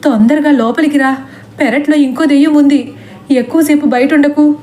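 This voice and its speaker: A woman voicing a frightened young woman who pleads in a frantic, hurried way in a storybook tale. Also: a little high, steady tone, dark tone, natural voice. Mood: panicked.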